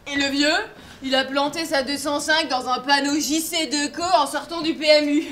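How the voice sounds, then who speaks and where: An actress on a theatre stage playing a blunt, quick-tempered woman traveller with crude speech. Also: high voice, fairly even intonation, a bit bright, slight background noise. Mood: indignant. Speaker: amateur stage actor. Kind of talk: amateur stage play.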